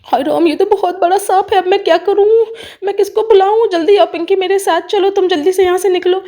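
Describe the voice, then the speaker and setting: A woman's voice: extremely high pitch, steady tone, a little fast, dark tone, voice pushed up. A woman voicing a fussy, caring aunt in a doll story.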